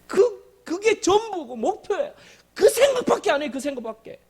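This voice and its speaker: A male pastor preaches a sermon in a very high voice at normal speed. He's animated and emphatic, cracking jokes and repeating key phrases.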